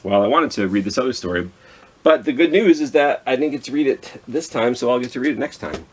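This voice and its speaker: Hosting storytime for children at the library, a man with a mid-range, husky voice reads a little fast and expressively. He keeps up chatty asides, talks to himself, and puts questions to his young audience.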